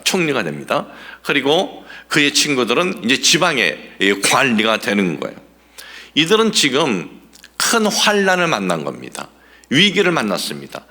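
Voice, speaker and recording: A man's voice: mid-range voice, sharp tone. A middle-aged man preaching a sermon as a pastor, asking the congregation rhetorical questions and building up to emphatic passages.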